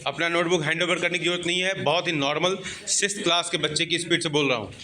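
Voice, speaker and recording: A man's voice: fairly high pitch, steady tone, quick pace, bright, forceful tone. A male Indian teacher dictating class notes, spelling words letter by letter and mixing English with Hindi while telling students to sit up and underline. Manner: switches between English and Hindi, scolding students to sit properly.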